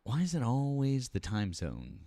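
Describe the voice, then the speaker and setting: A man hosts a live political talk stream, taking callers and talking casually with plenty of fillers and blunt swearing. His voice sits at a medium pitch with huge swings, and he sounds mellow and unhurried. The audio has no echo.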